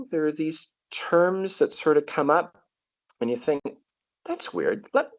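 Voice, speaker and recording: On a laid-back podcast, a Canadian-accented tour guide in middle age shares stories thoughtfully, frequently doubling a word at the start of a sentence. His voice sits on the high side and sounds a little mellow, captured in a muffled recording without echo.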